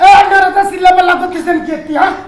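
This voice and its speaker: A woman voicing a flustered, shouting male hostel gatekeeper in a comedy sketch. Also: very high voice, steady tone, very fast, a little hiss or hum, voice pushed up. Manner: shouting, defensive. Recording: echoey room, faint music and crowd.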